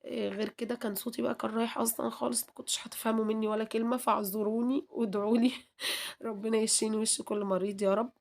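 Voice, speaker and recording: A woman with an Egyptian accent, hoarse from a cold, chatting to viewers in a home kitchen cooking vlog and adding long prayers. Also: on the high side, flat delivery, very fast. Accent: Egyptian Arabic.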